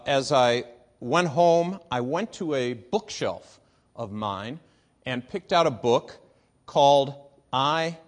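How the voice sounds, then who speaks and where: Male preacher, somewhat high voice, earnest storytelling sermon, pauses then presses hard.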